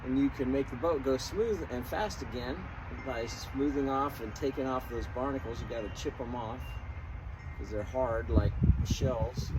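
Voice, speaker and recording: An American man giving a casual motivational talk in a conversational, folksy manner, like a coach. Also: mid-range voice. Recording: distant mic, noisy outdoor traffic ambience.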